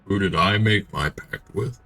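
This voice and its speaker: A player voicing a cagey villager bound by a devil's pact through a voice changer that makes the voice deep and gravelly. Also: measured pace, pushed and bright, full character voice. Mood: guarded. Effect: voice changer lowering the voice. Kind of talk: tabletop roleplay character voice. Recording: voice changer effect.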